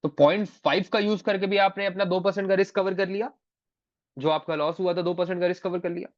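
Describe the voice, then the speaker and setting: A man's voice: high voice, fairly even intonation, fast talker, no room sound, highs cut off. A man mentoring trading students in a live online class, repeating key phrases for emphasis and switching between two languages.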